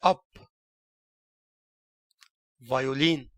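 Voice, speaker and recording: In a recorded language lesson, a man with an Egyptian Arabic accent teaches English letter sounds, saying each letter and word and then explaining it. His mid-range voice moves slowly, with no echo.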